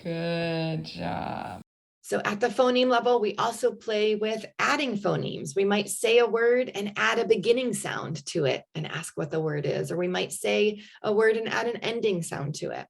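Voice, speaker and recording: A woman's voice: mid-range voice, normal speed, vocal fry. A woman presenting early literacy lessons and playing patient, encouraging phonics games with her young daughter.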